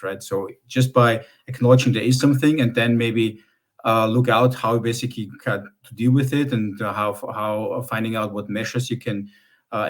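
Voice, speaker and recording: A man explaining at length in a panel discussion, halting, with many restarts. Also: fairly low pitch. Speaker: panel expert.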